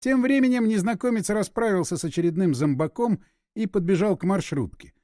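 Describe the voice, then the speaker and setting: Male audiobook narrator, high and animated, dry close sound. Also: a little fast, no echo.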